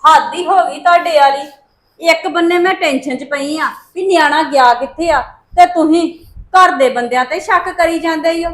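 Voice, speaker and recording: A woman's voice: high voice, normal speed, close to an everyday voice. A woman acting as a young wife who defends herself against accusations in a family drama. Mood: indignant. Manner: defensive, pleading.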